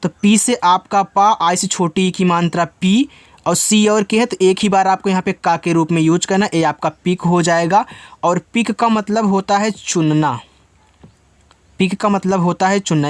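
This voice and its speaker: A man's voice: high voice, no room sound. A man teaching English spelling and reading, patiently repeating each point and asking his students questions.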